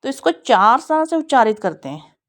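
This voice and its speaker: A woman teaching English pronunciation, who says each word slowly many times over and explains the stress patiently. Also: on the high side, big pitch swings. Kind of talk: pronunciation lesson with slow repeated drills.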